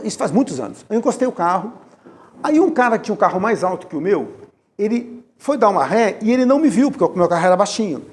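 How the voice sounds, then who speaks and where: Male Brazilian lecturer, mid pitch, animated delivery full of stories, faint hiss behind. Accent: Brazilian Portuguese. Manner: storytelling, speaks directly to the audience. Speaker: lecturer at a spiritist center. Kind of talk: conversational spiritist lecture. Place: spiritist center meeting room.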